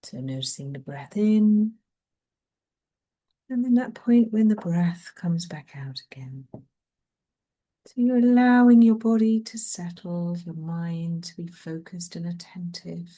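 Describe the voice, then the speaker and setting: Speaking at a fairly low pitch, a woman softly and soothingly leads a mindfulness meditation, leaving long silences between her phrases.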